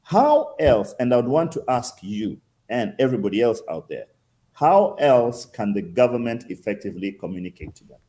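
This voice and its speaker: A man's voice: medium pitch, big pitch swings, moderate pace, dark tone. A man with a Kenyan accent answering interview questions conversationally, emphatic, with rhetorical questions and repetition. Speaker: interview guest, consul general.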